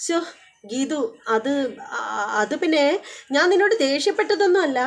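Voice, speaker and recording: A woman's voice: high voice, sing-song, moderate pace, voice pushed up. A woman playing Govind, a flustered young husband. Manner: impatient, urging, blustering. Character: young man, husband, flustered and quick-tempered.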